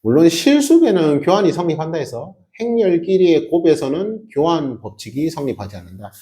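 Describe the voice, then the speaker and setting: Lively male math teacher lecturing. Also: on the high side, a little fast. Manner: lively, emphatic, rhetorical questions to students. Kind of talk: classroom lecture.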